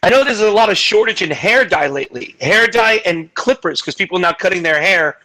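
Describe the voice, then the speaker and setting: A man hosting a casual video-call chat, telling stories loudly and excitedly. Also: sits high, fairly quick. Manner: loud, excitable storyteller. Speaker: host.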